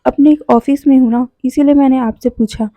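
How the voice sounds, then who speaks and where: A woman's voice: high voice, steady tone, moderate pace, dark tone, no echo, close to an everyday voice. A woman voicing a strict but caring adult man who scolds his nephew firmly. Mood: firm scolding. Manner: scolding, firm. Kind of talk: storytelling voice acting.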